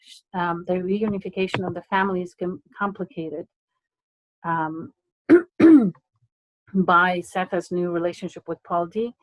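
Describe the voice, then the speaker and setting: A middle-aged woman from Romania, an English lecturer giving an online presentation in a measured way, pausing often with fillers. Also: fairly low pitch, no echo, rough recording. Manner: measured, hesitant with frequent fillers.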